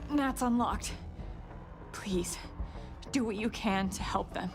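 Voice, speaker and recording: An actress playing a shaken, distressed female officer in a video game, halting and pleading. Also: mid-range voice, over music.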